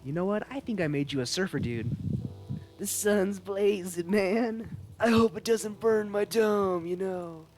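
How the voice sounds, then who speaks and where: A man puts on a laid-back old surfer dude with a bald head. He drawls lazily in a pitched-up, bouncy voice. Game music runs behind him. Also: unhurried, darkish tone. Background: background music.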